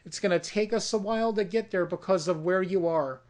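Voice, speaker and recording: A performer voicing an emergency operator who talks quickly and soothingly. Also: mid-range voice, a little mellow, lightly acted. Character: calm brisk emergency operator.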